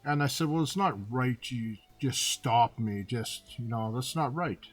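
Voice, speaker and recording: A man in his fifties recounts his run-ins in a loose, conversational monologue, repeating "and I said" as he acts out each exchange. His pitch sits at an ordinary middle height. Faint music plays underneath. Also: measured pace, breathy edge. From Canada. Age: 50s. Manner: animated retelling, acting out dialogue with repeated "and I said". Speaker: artist telling personal stories. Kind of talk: casual storytelling monologue.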